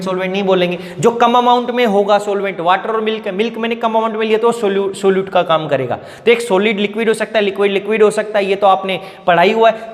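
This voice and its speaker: Man lecturing chemistry, slow dictation, reverberant room. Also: sits high. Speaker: chemistry teacher. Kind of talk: classroom lecture, dictating notes.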